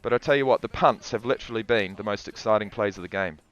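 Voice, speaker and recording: A man with a New Zealand accent rambles through a casual livestream commentary, a bright, forceful voice that restarts its sentences often. The audio is dull and lo-fi. Faint music plays underneath. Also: on the low side, fast talker. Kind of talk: casual play-by-play and chat reading.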